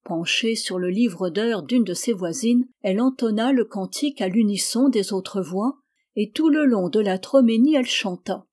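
A woman narrates a book aloud in a steady, measured way. Her voice sits at a middle pitch with a dark, mellow warmth. She slows down deliberately on key phrases. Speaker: audiobook reader. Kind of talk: scripted narration.

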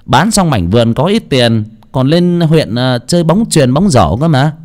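A man voicing a rough, bullying male debt collector who barks his threats. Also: mid-range voice, sing-song, a little fast, lightly acted. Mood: menacing. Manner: barking, bullying.

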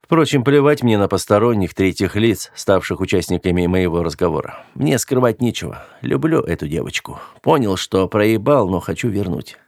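Low-voiced male audiobook narrator. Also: expressive, moderate pace, hardly any pauses, a little mellow, no room sound, studio quality. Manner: earnest, confessional. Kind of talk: first-person audiobook narration.

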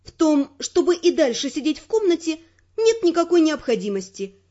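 A woman voicing a prickly, defensive young female spy with sharp retorts. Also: sits high, sing-song, normal speed, lo-fi sound. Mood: offhand.

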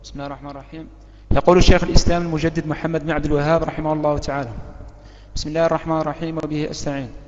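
A man, a student, rapidly reciting a memorized text over an online call whose audio keeps cutting out. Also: a little high, big-room sound, highs cut off, slight background noise. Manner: fast, flat recitation. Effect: choppy online call audio with dropouts.

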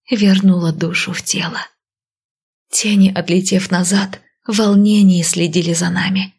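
A woman reading a first-person audiobook in a breathy, half-whispered voice. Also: medium pitch, a little mellow. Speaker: audiobook narrator.

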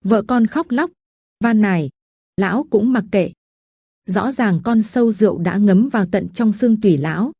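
A woman narrating a written story in a steady, even reading voice. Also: medium pitch, moderate pace, husky, no echo, studio quality.

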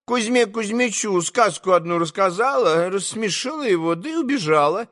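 A man voicing a scolding old female servant in a cracked falsetto, in a storybook reading. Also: animated, normal speed, a bit bright. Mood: chatty.

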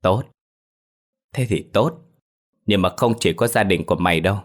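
A man's voice: deep voice, normal speed, lightly acted. A man voicing an arrogant, mocking elderly clan head who domineers over his relatives in an audio ghost story. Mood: scornful.

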